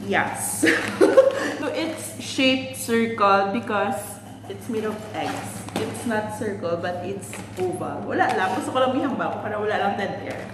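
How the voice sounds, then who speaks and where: A woman's voice: mid-range voice, lively intonation, slow. A woman vlogging casually while eating, joking and switching between English and Filipino. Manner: giggly, jokey, mixes English and Filipino. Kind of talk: playful mukbang vlog chat. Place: office meeting room. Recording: echoey room with background noise.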